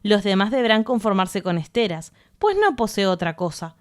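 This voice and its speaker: Cheerful young seaman in a storybook read, as a woman puts him on, playful, jumps up high at times. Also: sing-song, moderate pace, close to an everyday voice. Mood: teasing. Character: cheerful young male ship's officer.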